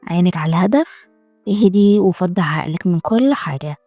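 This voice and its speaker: Brief: a woman voicing a domineering male mafia boss for a drama recap, low and stern, Egyptian accent, mellow tone, quick delivery. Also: expressive, dry recording, soft background music. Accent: Egyptian Arabic. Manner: stern, clipped orders.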